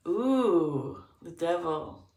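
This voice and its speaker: A woman's voice: fairly low pitch, big pitch swings, drawn-out words, mellow, recorded from a distance. A woman giving a pick-a-card tarot reading to her viewers. She thinks aloud as she talks, searching for her words in an upbeat way. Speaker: tarot reader. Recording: roomy, voice away from the mic.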